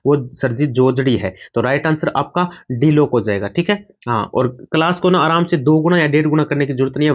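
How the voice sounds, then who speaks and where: A man's voice: fairly high pitch, muffled recording. A man teaching an online exam-prep class, drilling through quiz questions at speed and answering his own questions.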